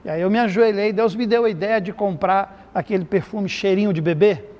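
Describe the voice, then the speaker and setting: A middle-aged man, a pastor and therapist, telling a lively anecdote full of quoted dialogue in a TV studio interview. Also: high-pitched, a little fast. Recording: reverberant studio with faint noise.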